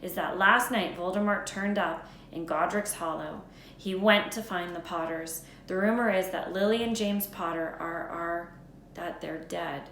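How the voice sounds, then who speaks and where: A woman's voice: fairly low pitch, unhurried, fairly bright tone, reverberant, slight background noise. A woman voicing an anxious, exasperated older witch professor from a storybook, stern, incredulous and emphatic. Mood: pressing, exasperated.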